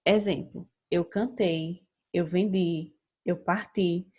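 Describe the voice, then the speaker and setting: A young adult woman with a Brazilian Portuguese accent, a teacher giving a recorded grammar lesson in a measured, explaining way that keeps checking in with her students. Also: fairly low pitch, fairly even intonation, warm tone, husky, highs cut off.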